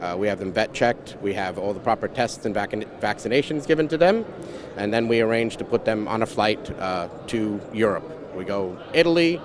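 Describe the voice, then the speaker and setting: A man who ships horses overseas, explaining his work in a relaxed, joking way. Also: fairly low pitch, moderate pace. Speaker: horse shipping agent. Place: outdoors at a horse sale. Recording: crowd noise behind.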